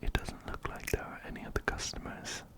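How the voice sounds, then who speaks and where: Close to a binaural microphone, a man gives calming ASMR game commentary in a soft, breathy whisper, repeating phrases gently. He's an ASMR host playing a video game, and his delivery is brisk.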